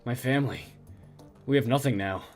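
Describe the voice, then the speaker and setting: A man voicing a haunted middle-aged male survivor who speaks in a halting, stammering way. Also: medium pitch, faint music behind, voice pushed down, natural voice. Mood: shaken.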